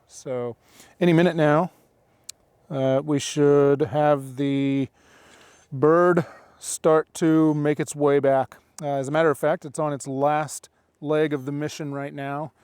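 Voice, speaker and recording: A middle-aged man, a drone pilot who hosts videos, chats casually through a gear demonstration outdoors among open dry hills. His voice sits a little high and sounds a little mellow, captured in a dry recording.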